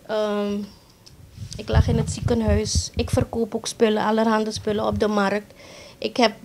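A middle-aged woman with a Surinamese Dutch accent, telling an interviewer about her own accident in a halting way with many restarts. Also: on the high side, creaky, darkish tone. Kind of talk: emotional first-person account in an interview.

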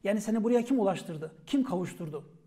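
A man teaching a vocabulary lesson on Ottoman Turkish word roots. He calls out each word sharply, then explains it in a quieter, falling voice. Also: high voice, animated, fast.

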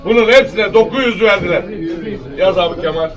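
Male fish auctioneer, high voice, repetitive price calling, recorded at a distance. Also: a little fast. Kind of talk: auctioneer calling lots and bids. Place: busy fish auction hall. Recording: distant mic amid crowd chatter. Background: crowd of buyers.

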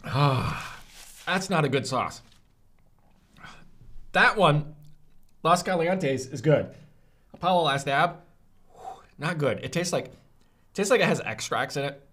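A man's voice: fairly high pitch, slow pace, long pauses. A man casually reviewing spicy chicken bites for his vlog, gasping and groaning as his mouth burns from the hot sauce. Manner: animated, groaning and gasping from the heat. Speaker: food reviewer.

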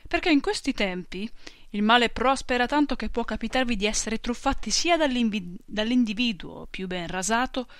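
A woman's voice: fairly high pitch, lively intonation, moderate pace, a bit bright, dry recording, studio quality. Give me a woman playing a sanctimonious village man with a honeyed voice.

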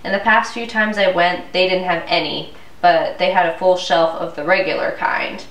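This young vlogger has a cold that leaves her sounding blocked up as she chats and vents in frustration at home. Her lowish voice is a bit bright, with fairly even intonation and a normal speed. Picked up by a camera mic a few feet off in the living room, the sound is roomy and far away.

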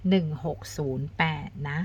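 A woman teacher talking students through arithmetic step by step, counting aloud and adding soft polite particles. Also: normal speed, lo-fi sound. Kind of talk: step-by-step math lesson.

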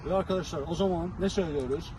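A man's voice: on the high side, racing. A man presenting casual street interviews, addressing viewers and repeating answers back. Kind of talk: casual vox-pop presenting. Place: outdoors on a city street. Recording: clear outdoor traffic noise.

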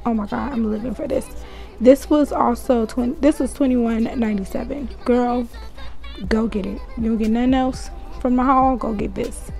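A young woman, chatting excitedly to her viewers as she shows off her clothing haul. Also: on the high side, normal speed, vocal fry, music in the background, poor audio. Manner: chatty, hyped, talks straight to viewers. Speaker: fashion vlogger. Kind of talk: casual haul vlog.

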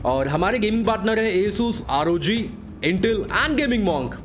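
A man hosting a casual live game stream, voice hoarse from a sore throat, greeting viewers by name in a breezy, joking way. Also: high-pitched, sing-song, slow, music in the background.

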